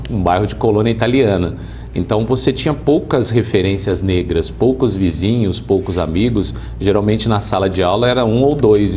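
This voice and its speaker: Calm, low-voiced Brazilian man in his forties. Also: slight background noise. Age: 40s. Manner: calm, earnest storytelling. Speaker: interview guest, city councilman. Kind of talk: personal life story in an interview.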